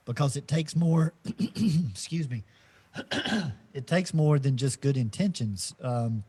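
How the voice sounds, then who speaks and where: In a relaxed spiritual discussion, the middle-aged podcast co-host speaks slowly and thoughtfully, with frequent fillers and false starts. The tone of his medium-pitched voice is dark.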